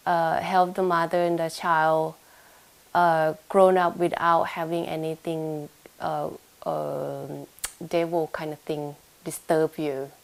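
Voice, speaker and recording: A young Thai woman in a home room in London answers questions in a casual oral history interview, speaking with a Thai accent. She sounds hesitant, with frequent fillers and restarts, and her fairly low, creaky voice comes through a low-quality recording.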